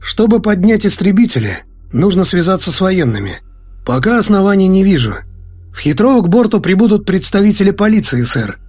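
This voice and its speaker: A man's voice: sing-song, fairly quick, a little mellow, breathy edge, faint music behind, full character voice. A man voicing a dry, formal airport radio controller who speaks over the radio. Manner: dry, formal, drops low on each "sir". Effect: radio transmission.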